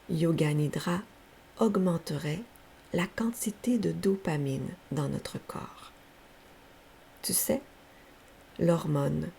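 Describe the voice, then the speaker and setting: Guiding a meditation, a woman who teaches yoga nidra uses a deep, soft and breathy voice, delivering slow, soothing instructions very gently and at an unhurried pace. The recording carries a faint, steady background hiss.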